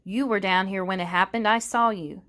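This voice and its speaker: A menacing male slave hunter from a storybook reading, as a woman narrator puts him on. He snarls and demands his answers, keeping the pitch near the middle. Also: fairly even intonation, moderate pace, a bit bright, natural voice. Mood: demanding.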